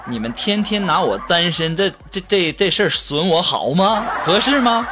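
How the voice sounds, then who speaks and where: A man hosting a show, reading listener jokes in a lively, teasing comic way. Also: high voice, normal speed, background noise. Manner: lively, teasing, acts out quotes. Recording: music playing behind.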